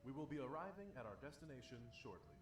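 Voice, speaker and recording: A male train announcer's voice comes over a loudspeaker, formal and even. It sounds distant, with a faint hum of ambient noise behind it. His pitch rises and falls in a lively way. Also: quick pace. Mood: announcing. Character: adult male train conductor making announcements. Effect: public address announcement over a loudspeaker.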